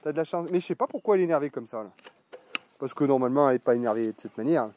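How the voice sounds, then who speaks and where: There's a slight hiss or hum behind this man's animated, very fast, medium-pitched voice with its darkish tone. He's walking his rural land for a vlog, talking casually with many fillers and some swearing into a mic fitted with a foam windscreen.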